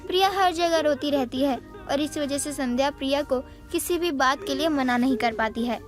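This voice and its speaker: A woman with a high voice narrates a storybook tale. She tells it evenly and plainly. Soft music plays behind her. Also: moderate pace.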